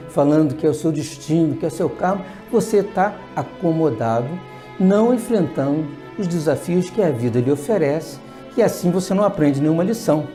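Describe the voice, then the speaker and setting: Brazilian presenter, mellow timbre, spiritual explanation, emphatic and exhorting, light music behind. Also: mid-range voice. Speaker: host.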